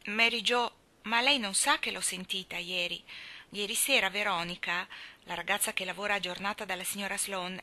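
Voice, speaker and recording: A woman's voice: mid-range voice, sharp tone. A woman voicing a thoughtful, anxious young schoolboy in an audiobook reading. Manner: solemn, anxious, talks like a grown-up.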